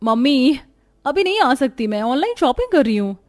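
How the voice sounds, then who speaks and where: A woman's voice: high voice, sing-song, normal speed, background noise. A woman voicing a vain, spoiled young woman in a storybook, scornful and bossy, slipping English words into her talk. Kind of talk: storybook voice acting.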